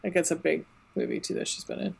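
A woman's voice: on the low side, huge pitch swings, fast talker, vocal fry, a little mellow, breathy edge. A woman co-hosting a podcast in casual chat, gushing and rambling with restarts, swearing freely. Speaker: podcast co-host.

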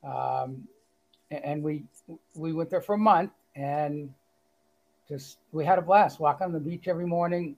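Slightly high-voiced and a little slow, a Boston-accented author reads his own story aloud and chats casually in an interview, good-humored, self-deprecating, and filler-prone. The high frequencies are cut off in the recording.

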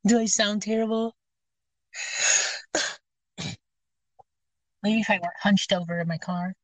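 A woman with a scratchy, medium-pitched voice speaks slowly with fairly even intonation. Standing outdoors near her car, she chats casually, rambling and hesitating with lots of fillers and restarts.

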